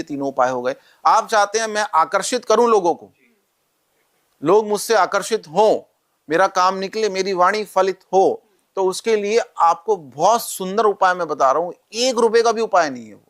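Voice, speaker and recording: Astrologer guy on a podcast, kinda high voice, explains remedies step by step like a teacher. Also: a bit bright. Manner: instructive, lists step-by-step remedies. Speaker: astrologer guest.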